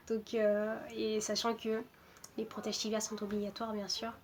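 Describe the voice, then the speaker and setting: A woman in her twenties, from Portugal, talks casually about herself as a footballer. Her delivery is hesitant and even, with little rise and fall and many filler sounds. A faint ambient hiss sits behind her. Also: medium pitch, a little slow. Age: 20s. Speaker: footballer interviewed. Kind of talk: casual self-introduction to camera.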